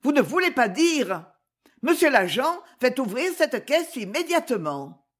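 A woman's voice: sits high, very animated, a little slow, pitched above the performer's own voice, full character voice. A woman voicing an anxious older lady, pleading. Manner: breathless and pleading. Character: older anxious woman seeking her lost dog.

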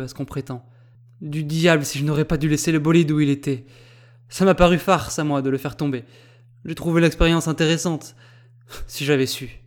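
Storybook: a man reading a sour eccentric inventor, muttering complaints, slightly high voice. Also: natural voice. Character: grumbling eccentric male inventor, disgusted.

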